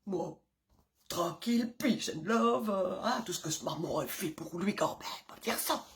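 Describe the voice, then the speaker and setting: Middle-aged woman, casual chatty monologue to camera, rambling and animated, full of fillers and sudden whispered asides. Mid-range pitch. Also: moderate pace, creaky. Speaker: vlogger, mother of several children.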